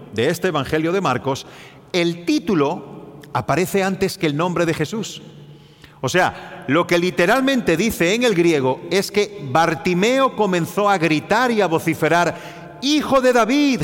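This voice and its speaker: A man's voice: fairly high pitch, in a large hall. A man preaching a sermon to his congregation, acting out the cries of the people in the story. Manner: animated, acts out the cries of the story.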